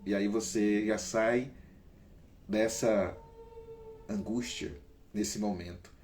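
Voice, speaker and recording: A man's voice: on the low side, slow, soft background music. A man from Brazil hosting a casual talk, coaching listeners through breathing exercises and calling on them by name. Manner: animated, emphatic, varies pace and loudness. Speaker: host.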